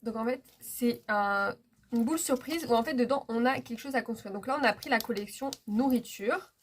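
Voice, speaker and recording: A woman's voice: on the high side, moderate pace, breathy edge. A young woman co-hosting a shopping haul, casually explaining products and chiming in with her partner. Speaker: co-host of a shopping haul video. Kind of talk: casual chat, presenting products.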